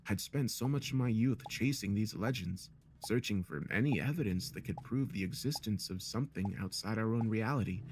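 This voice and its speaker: A man reading a first-person horror story as narrator in a steady, measured way. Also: on the low side, slight background noise. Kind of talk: scripted narration.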